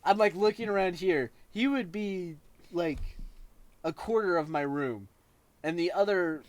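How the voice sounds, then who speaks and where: A man's voice: high-pitched, measured pace, no echo. A man co-hosting a podcast in casual chat, rambling and playful as he riffs on a topic. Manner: rambling, playful, gestures while talking. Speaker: podcast co-host.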